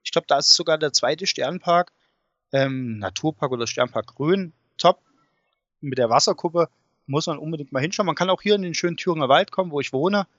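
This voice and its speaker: A man's voice: on the high side, brisk, fairly bright tone. A man, an interview guest chatting in an informal, enthusiastic way. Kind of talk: casual chat. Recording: dull, muffled sound with room echo.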